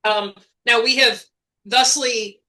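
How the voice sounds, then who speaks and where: Bright-voiced woman, blunt and animated. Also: a little high, takes it slowly. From Chicago area. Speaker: band member. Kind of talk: casual podcast chat.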